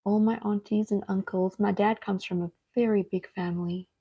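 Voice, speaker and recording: A woman's voice: mid-range voice, fairly even intonation, husky, muffled recording. A middle-aged woman from Cape Town, chatting to viewers while painting on a live stream. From Cape Town, South Africa. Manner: chatty, speaks straight to viewers, unhurried. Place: home art studio.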